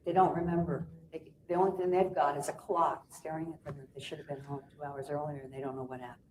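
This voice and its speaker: A woman giving a measured documentary interview, her voice muffled and underwater-sounding from a poor stream of old tape. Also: low voice, fairly even intonation. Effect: muffled underwater-sounding audio from a bad stream. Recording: echoey old VHS tape playback with faint hiss.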